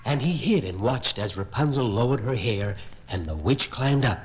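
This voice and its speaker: A man with a mid-range voice tells a fairy tale expressively, storyteller-style, for a vintage children's record. His pace is normal and the audio quality is rough.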